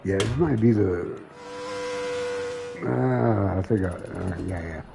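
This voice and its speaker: A man's voice: low voice, takes it slowly, vocal fry. A man giving casual gameplay commentary, thinking aloud, mumbling and swearing in frustration. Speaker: gaming channel host. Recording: game sounds running underneath. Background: racing game engine noise.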